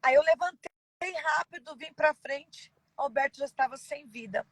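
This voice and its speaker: A woman pastor giving a personal testimony in an interview, halting and emotional with many pauses and fillers. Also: high-pitched, fairly bright tone, no room sound, rough recording.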